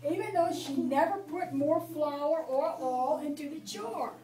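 A middle-aged woman reads preschool children a Bible story in a church classroom, with prompts for them to participate. Her voice is high and mellow at a measured pace. The audio, from a far camera, is echoey and distant.

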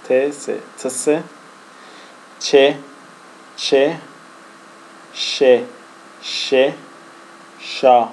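A man from Iran gives a casual lesson in a dark, mellow voice. He pauses often and fills the gaps with hesitations while he sounds out letters one at a time. A faint air-conditioning hum sits behind him. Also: medium pitch, vocal fry, rough recording. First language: Persian. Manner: slow and halting, with frequent fillers and letter-by-letter repetition. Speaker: language teacher.

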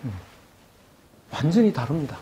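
A man's voice: a little high, animated, moderate pace, warm tone, a little hiss or hum. An older man giving an academic lecture, asking rhetorical questions and acting out quoted voices.

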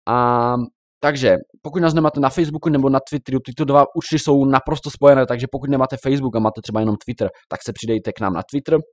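Speaking in a steady, mid-range voice, this young man gives relaxed, talkative Minecraft commentary and occasionally yells at in-game mobs. The recording is studio quality with no room sound.

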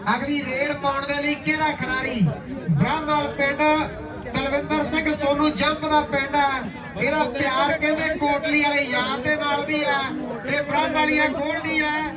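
A man with a Punjabi accent calls a rural kabaddi match in a very high, fairly monotone pitch. He runs through raids and players with bits of verse. The sound is echoey and distant, with crowd noise around him. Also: moderate pace. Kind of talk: running rural sports commentary with recited verse. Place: outdoor sports ground.

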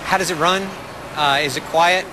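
A man's voice: on the high side, steady tone, moderate pace. A man, an engineer and test driver, talking matter-of-factly in a casual interview outdoors. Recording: outdoor street noise.

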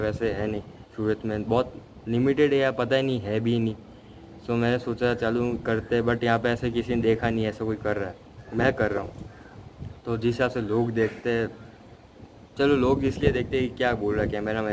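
A young man from India vlogging outdoors, rambling and self-critical, mixing English into his talk, with loud wind on the phone mic. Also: mid-range voice. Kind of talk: casual vlog chat. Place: outdoors by a road, wind blowing. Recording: loud wind and street noise.

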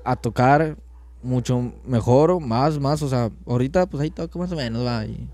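A man with a Mexican accent, an accordion musician chatting casually on a podcast in relaxed slang. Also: medium pitch, moderate pace. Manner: slangy, relaxed, drops güey constantly.

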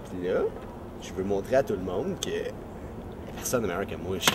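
A man's voice: sits low, animated, moderate pace, heavy background noise. A young man with a Quebec French accent, playing a boastful self-made urban bowling champion in a mockumentary interview. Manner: boastful, cocky, rambling. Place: outdoors in a city plaza.

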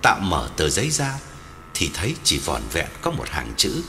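A man narrating a ghost story as a storyteller, dramatic and highly varied in delivery. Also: wildly swooping pitch, moderate pace, pushed and bright. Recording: long hall reverb, music underneath.

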